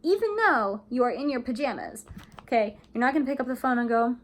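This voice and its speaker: A woman talks through an acting lesson in a relaxed, chatty way. Her voice sits fairly high, and she leans on fillers like "you know" and "um" as she explains. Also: a little fast. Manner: chatty, many fillers, acts out excited phone calls. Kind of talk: casual explanatory talk.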